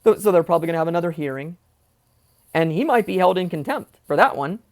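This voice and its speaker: A man's voice: a little high, animated, fast, a little mellow. A young man venting angrily in a personal vlog, swearing and going off on tangents. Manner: angry, swearing, goes off on tangents. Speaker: vlogger.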